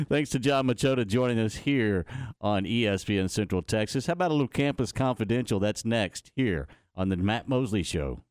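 A man's voice: on the low side, expressive, moderate pace, darkish tone, no room sound, studio quality. A man hosting sports radio, presenting talk and updates to listeners.

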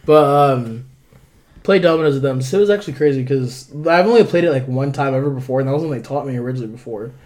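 A man's voice: mid-range voice, fast talker, darkish tone. A young man in casual chat as a podcast co-host, talking like a frat bro, with lots of slang and swearing.

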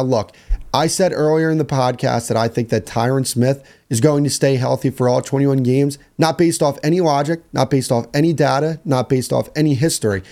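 Hosting his sports podcast alone, this young man speaks in a hoarse, mid-range voice with a dark tone. He keeps things loose and wandering, circling back to the same phrases.

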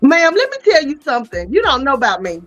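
Loud, playful woman host. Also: high-pitched, huge pitch swings, fast talker, highs cut off, faint music behind. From North Carolina. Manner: loud, playful, chatty, drops into Southern slang. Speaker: podcast host. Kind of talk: casual chat.

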